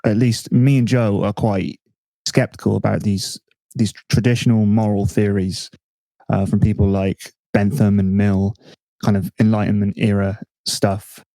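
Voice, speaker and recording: A man hosting a casual podcast chat, relaxed and self-mocking, thinking aloud with restarts. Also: fairly low pitch, a little slow, creaky, dry recording. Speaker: podcast host.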